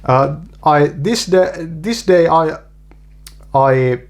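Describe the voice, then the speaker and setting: A Finnish video creator speaks English with a Finnish accent in a casual monologue. His voice is a little high, and he halts often, restarting sentences and repeating fillers.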